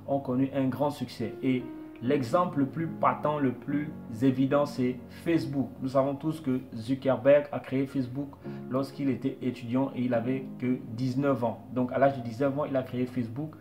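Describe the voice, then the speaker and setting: A man talks through business advice in an explanatory, repetitive way, circling back to each point. His voice sits at an ordinary middle pitch. Faint guitar music plays underneath. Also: fairly even intonation, normal speed. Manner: explanatory, repeats points with "donc". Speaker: business coach. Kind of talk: motivational talk to camera.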